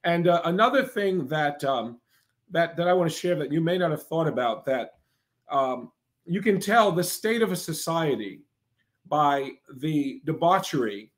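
A man's voice: on the high side, expressive, measured pace. A man preaching to a live broadcast audience, with emphatic repetitive phrasing and frequent "right?" check-ins.

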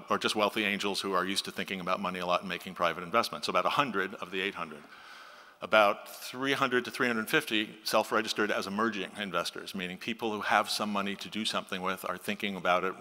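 A man's voice: lowish voice, pushed and bright, in a large hall. A man in his sixties giving a conversational conference keynote from a podium on a large auditorium stage, speaking into a podium mic on a stand.

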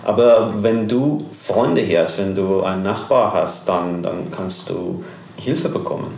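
Podcast guest: young man, Persian accent, halting German, slow and lowish, roomy echo. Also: gravelly, darkish tone, a little hiss or hum. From Iran. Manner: hesitant, searching for German words, many fillers. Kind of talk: interview.

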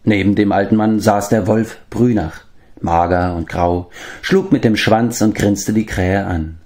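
A man reading a fantasy novel aloud as an audiobook narrator, with calm and even storytelling. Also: fairly low pitch, unhurried. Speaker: audiobook reader. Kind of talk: scripted narration.

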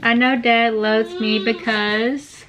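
A woman's voice: fairly high pitch, flat delivery, slow, a crowd in the background, low-quality recording. A woman chatting casually at home during dinner as she patiently coaxes answers out of her young child. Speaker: mother and channel host. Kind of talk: casual home vlog chat. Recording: loud background noise.

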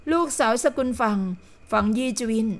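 A woman voicing a gossiping lady in purple in an audio novel, speaking in a low, conspiratorial voice. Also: moderate pace, lightly acted. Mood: secretive. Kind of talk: audiobook character voice.

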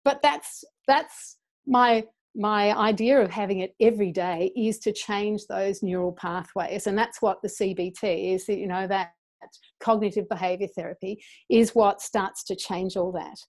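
Passionate and animated, this middle-aged guest educator talks over a video call using an earphone mic in a small room. She speaks at a measured pace in a medium-pitched voice, her hands gesturing constantly.

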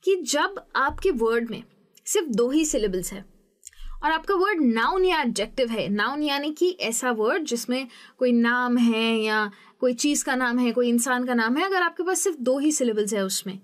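A young woman teaching an English lesson, explaining patiently step by step and saying example words slowly. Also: a little high, expressive.

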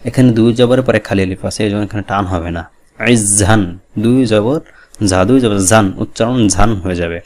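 Slow-spelling male Quran teacher. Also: on the low side, darkish tone. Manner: spells out letters and vowel marks, then drills syllables slowly and repeats them; explains rules plainly and earnestly, urging students to read along. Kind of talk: step-by-step recitation lesson.

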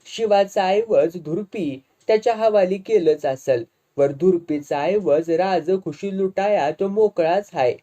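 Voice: mid-range voice, slow pace, dark tone, muffled recording, close to an everyday voice. A jealous young village man , played by the storyteller, sneering with a twisted mouth. His rustic talk is snide and mocking.

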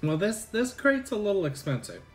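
A man's voice: high-pitched, big pitch swings, moderate pace. Chatty man hosting a snack unboxing. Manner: chatty, candid about cost. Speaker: channel host. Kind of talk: casual unboxing chat.

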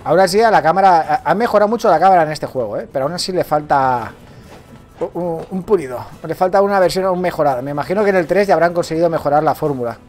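A high-voiced Spanish man with a Valencian lilt chats and jokes through a gameplay stream. His pitch swings wildly as he yelps and swears at the screen. Faint music plays underneath. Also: fast talker. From Spain. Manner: excitable, joking, shouts and yelps at the game. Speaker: gaming streamer. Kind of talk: casual gameplay commentary.

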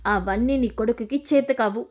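A woman's voice: a little high, moderate pace, close to an everyday voice. A woman voicing a ruthless, scheming young woman in a retold serial story; she speaks in a cold, defiant way.

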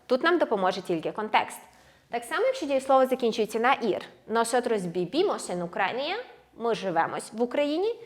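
A woman teaching Spanish grammar in a language lesson, alternating explanations with slowly drilled verb forms. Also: on the high side, big pitch swings. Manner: switches between Ukrainian and slow, drilled Spanish words; clear, measured explaining with stressed endings.

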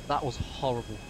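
A man, trading dry, sarcastic deadpan jokes with his friends during a game. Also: on the high side, creaky. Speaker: player in gaming session. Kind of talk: casual gaming banter. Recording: steady game noise behind.

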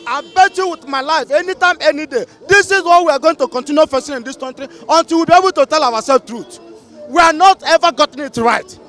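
A man's voice: very high voice, fast, a bit bright, faint music behind. A middle-aged man with a Nigerian accent speaking indignantly in a street interview, firing off rhetorical questions. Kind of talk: heated street opinion. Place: busy city street outdoors. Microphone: handheld mic held by interviewer.

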